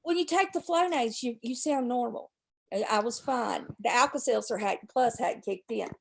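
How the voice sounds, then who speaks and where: A woman's voice: on the high side, normal speed, vocal fry. A woman hosting a livestream, talking in a heated, profane, rambling way, stuffy with a cold and a sore throat. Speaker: livestream host. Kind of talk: casual chat and angry rant.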